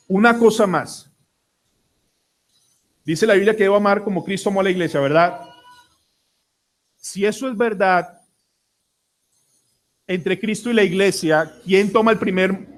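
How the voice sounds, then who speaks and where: A man with a Colombian accent preaching a sermon to his congregation, earnest and asking them question after question. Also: high voice. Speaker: pastor.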